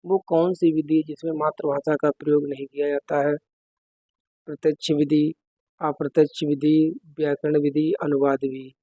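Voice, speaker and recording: A man's voice: fairly high pitch, flat delivery, moderate pace, mellow, no room sound, muffled recording. A man teaching an exam-prep lesson, working through quiz questions step by step and putting questions to the listener.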